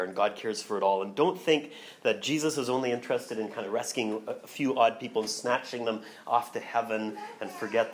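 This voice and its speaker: Expressive male pastor preaching. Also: medium pitch. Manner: expressive, dramatic reading of scripture with slow emphatic phrasing. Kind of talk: sermon. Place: church hall.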